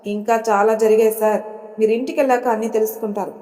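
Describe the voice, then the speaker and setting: A woman's voice: on the high side, fairly even intonation, quick pace, warm tone, close to an everyday voice. A woman voicing a chatty, loyal male driver who gossips eagerly. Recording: reverberant room.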